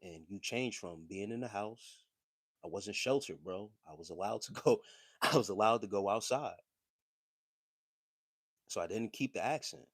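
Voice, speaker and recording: A man's voice: on the low side, moderate pace, long pauses, husky, dry recording, studio quality. A man hosting a livestream, talking casually and reading chat messages in a loose, slangy, conversational way. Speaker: livestream host.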